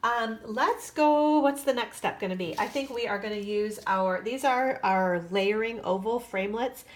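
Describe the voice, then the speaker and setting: A woman with a slightly high voice gives a chatty craft tutorial at her worktable, full of fillers and asides. She talks at normal speed and sounds stuffy and nasal from allergies.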